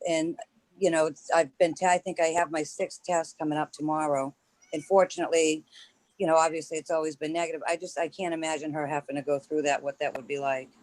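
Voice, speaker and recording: An adult parent speaking in a worried, measured way in a casual discussion. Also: medium pitch, level tone, darkish tone, dry recording, rough recording. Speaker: parent panelist.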